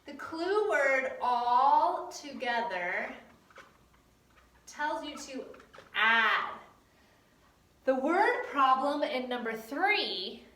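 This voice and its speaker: A woman's voice: high-pitched, sing-song, drawn-out words, long pauses, pushed and bright. A woman teacher giving a recorded homework lesson, chatty and playful with silly catchphrases. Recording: echoey room.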